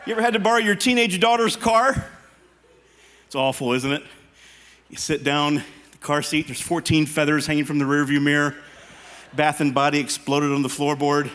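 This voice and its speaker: High, bright-voiced man doing stand-up. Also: normal speed, long pauses. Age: 50s. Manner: animated, teasing, questions the audience directly. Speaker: stand-up comedian. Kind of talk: clean stand-up comedy to a live audience. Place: live stage show before an audience.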